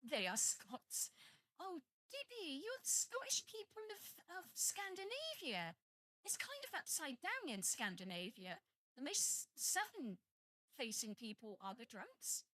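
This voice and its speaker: Her voice is high-pitched, pushed and bright, swinging hugely in pitch while moving a little slowly. She's a young British woman, half Welsh and half English, with a British accent, casually joking with live stream viewers and cursing freely. The recording is dry.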